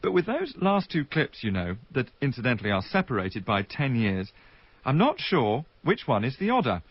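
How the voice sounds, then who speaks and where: A man's voice: mid-range voice, wildly swooping pitch, moderate pace, slightly rough, dry recording, dull audio. A male radio presenter giving wry, sardonic commentary between archive clips. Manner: dry, sardonic wit.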